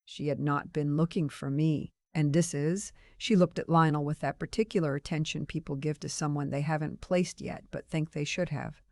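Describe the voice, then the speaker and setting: A woman in her sixties telling her own story in scripted first-person narration, calm and understated. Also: low-pitched, normal speed, few pauses, no room sound. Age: 60s.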